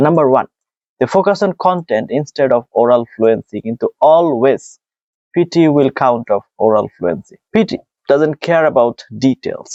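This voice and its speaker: A man's voice: mid-range voice, a little mellow, no echo. Bangladeshi man teaching test tips, lo-fi. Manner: mixes Bengali and English, quick in Bengali, slow and deliberate in English. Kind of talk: screen-share lesson.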